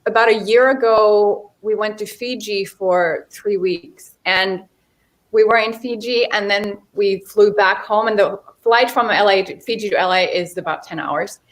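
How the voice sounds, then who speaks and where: A woman's voice: mid-range voice, a little slow. A middle-aged woman from Finland, a model and actress, chatting casually as an interview guest and telling stories with frequent laughs. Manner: chatty, laughs often, animated storytelling.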